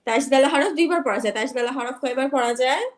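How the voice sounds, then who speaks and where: A young woman teaching Quran recitation rules in an online class, patient and repetitive, checking that her students follow; she is unwell. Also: high voice. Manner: patient, repeats rules slowly, checks understanding.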